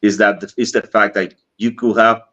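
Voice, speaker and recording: A man with a Dominican Spanish accent and a fairly low voice tells a story in an animated, casual way, acting out both sides of the conversation. The sound is dull and lo-fi, like a streamed podcast. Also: normal speed. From Dominican Republic. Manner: animated, acts out dialogue, laughs often. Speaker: cigar industry guest.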